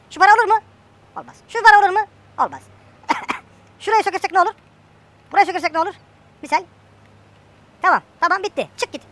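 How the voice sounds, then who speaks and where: Fast, bright-voiced woman joking around. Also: high-pitched, no room sound. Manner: joking, bantering with a friend. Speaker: gameplay streamer. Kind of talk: casual chat while playing a farming game.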